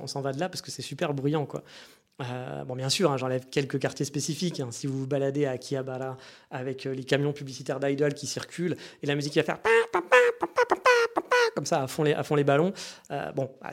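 A man's voice: mid-range voice, darkish tone. A man hosting a casual monologue, chatty and meandering, with frequent asides to his listeners. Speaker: podcast host.

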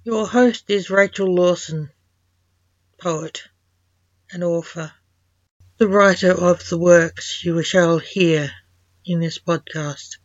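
Casting: male announcer, scripted intro, unhurried, high pitch, dull dry recording. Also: fairly even intonation, dry recording. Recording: slightly dull, lo-fi sound.

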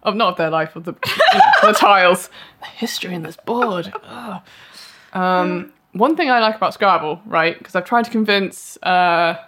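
A woman's voice: on the low side, big pitch swings, normal speed, background noise. A woman co-hosting a podcast in casual chat, rambling with self-mocking asides. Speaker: podcast co-host. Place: live event venue.

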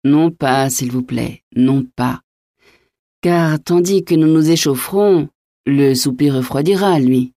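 A woman voicing a calm, patient young male nobleman, polite and even-tempered, in an audiobook reading. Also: deep voice, takes it slowly, dry recording, clean studio sound.

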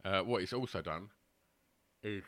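Deep-voiced, rambling man. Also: unhurried, a bit bright, dry recording. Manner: rambling, hesitant, jokey. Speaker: podcast co-host. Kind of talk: casual podcast chat.

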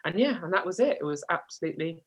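A woman's voice: lowish voice, expressive, fast. A woman, a guest telling personal stories in a chatty, self-mocking way and laughing often. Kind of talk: candid personal storytelling.

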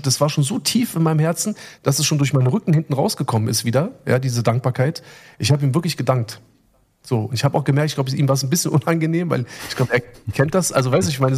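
A middle-aged man talks in a loose, rambling way, full of fillers and restarts. He tells his story with open emotion. His pitch sits in the middle of the range. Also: breathy edge. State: recovering from illness. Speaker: podcast co-host. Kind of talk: casual chat.

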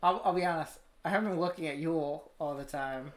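A woman's voice: deep voice, fast. A woman co-hosting a casual podcast, trading dry, jokey banter. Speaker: podcast co-host.

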